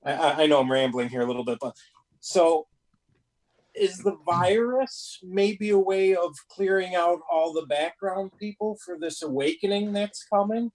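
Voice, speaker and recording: A man's voice: high voice, moderate pace, darkish tone, low-quality recording. A man chatting casually on a paranormal talk show in a folksy, colloquial, rambling way. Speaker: panelist on a paranormal live show. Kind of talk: casual chat.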